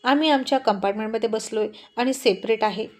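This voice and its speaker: A woman voicing a cheeky male friend who jokes and mocks but flares up quickly. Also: on the high side, lightly acted. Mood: mocking.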